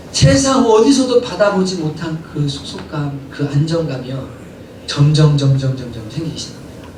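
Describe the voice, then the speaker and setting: A male pastor preaching a sermon in a church, animated and often asking the congregation questions. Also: sits high, a little hiss or hum. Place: church sanctuary. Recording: echoey hall from a distant mic.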